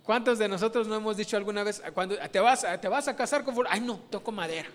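Male preacher, high voice, chatty sermon delivery, constant rhetorical asides. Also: fast talker. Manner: conversational, rhetorical questions to the congregation. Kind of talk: informal sermon teaching.

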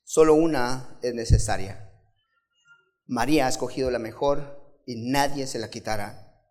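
A man voicing a calm, gentle figure who speaks softly and soothingly. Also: unhurried, close to an everyday voice. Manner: soft, soothing, lowered.

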